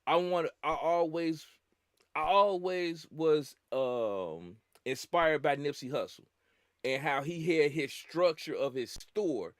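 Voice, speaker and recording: A man's voice: on the high side, lively intonation, takes it slowly, dry recording, studio quality. A young man hosting a podcast in casual, slangy chat, often laughing as he talks. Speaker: podcast host.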